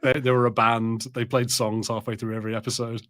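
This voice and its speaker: Talking fast in a level, medium-pitched voice with a fairly bright tone, a man co-hosts a casual watch-party podcast about films. He's informal and jokey, with some swearing, and the studio recording is dry.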